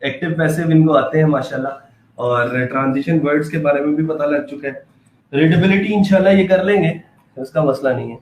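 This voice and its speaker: A man's voice: a little high, brisk, darkish tone. Male teacher in an echoey room. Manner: explains patiently, full of fillers and "ठीक है". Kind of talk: classroom lesson. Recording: echoey room, faint background noise.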